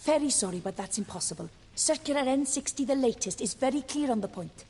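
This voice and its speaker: A woman's voice: high voice, lively intonation, fairly quick, warm tone, husky, heavily acted. An actress playing a polite, bureaucratic bank clerk in a video game, formal and rote in her courtesy. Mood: polite stonewalling. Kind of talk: scripted video game dialogue. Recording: long reverberant hall.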